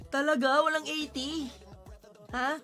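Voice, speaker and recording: A man giving casual gaming commentary, excitable, pleading and shouting at the game as he plays. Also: very high-pitched, takes it slowly, faint music behind. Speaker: gaming streamer.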